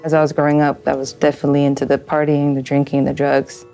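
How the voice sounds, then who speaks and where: A woman's voice: low-pitched, monotone, fast talker, mellow. A woman from California's Viejas Reservation, speaking earnestly and directly in a documentary interview. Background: faint music.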